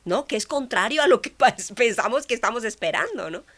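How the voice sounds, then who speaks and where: A woman, a guest telling a personal faith story with lively acted-out dialogue. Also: fairly high pitch, a little fast. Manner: expressive, acts out dialogue, drops to whispers. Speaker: guest sharing a faith testimony.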